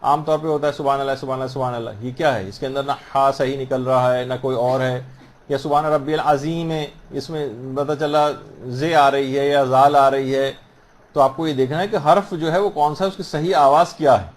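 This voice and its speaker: A man teaching the rules of prayer in a patient, explanatory way, repeating phrases and slowing down to model the correct pronunciation. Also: medium pitch, fairly even intonation. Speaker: religious teacher. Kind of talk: instructional talk on prayer rules.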